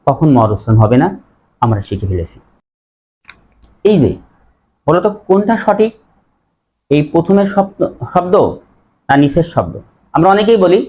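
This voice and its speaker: Man teaching pronunciation, slightly high voice. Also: a little mellow. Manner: repeats words slowly and asks students questions. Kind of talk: pronunciation lesson.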